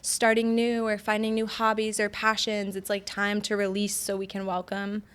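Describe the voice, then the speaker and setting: A woman in her twenties hosts a casual podcast in a mid-pitched voice. She sounds bubbly and effusive and says "like" often. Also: completely flat delivery, normal speed, fairly bright tone. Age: 20s. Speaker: podcast host.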